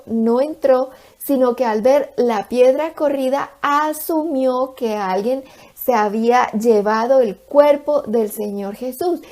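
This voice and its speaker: A woman leads a devotional Bible study, reading a passage aloud and then retelling it in her own words with friendly asides. Her voice sits a little high but sounds dark and mellow. She takes her time with every phrase. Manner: storytelling, reads scripture aloud then retells it with asides and light laughs.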